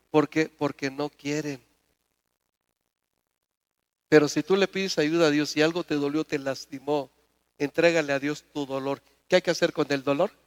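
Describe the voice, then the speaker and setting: A man with a high voice preaching to a congregation, his words ringing through a reverberant church hall. He keeps asking the crowd questions and pushes his voice up in pitch and volume to drive each point home. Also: clean tone. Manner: preaching with call-and-response questions, climbing loud and high. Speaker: pastor. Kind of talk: sermon.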